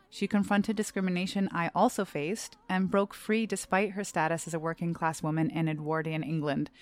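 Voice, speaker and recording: A young adult woman who acts on stage reads a scripted personal essay aloud. Her lowish voice is measured and earnest, with clear enunciation.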